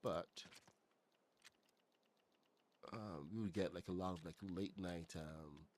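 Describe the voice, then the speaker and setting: This low-voiced streamer, a middle-aged man from Barbados, takes his time as he plays a building game, with a little hiss or hum in the recording. He rambles casually, leans heavily on fillers, and shouts hellos to his chat.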